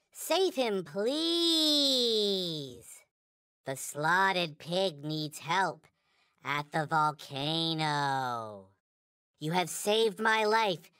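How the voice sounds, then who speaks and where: A man's voice: high voice, sharp tone, smooth, no room sound, clean studio sound, heavily acted. A man voicing a small, polite, earnest toy alien from a video game, speaking in formal, stilted, backwards-ordered phrases. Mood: earnest, pleading, then grateful, delighted. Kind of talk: video game character lines.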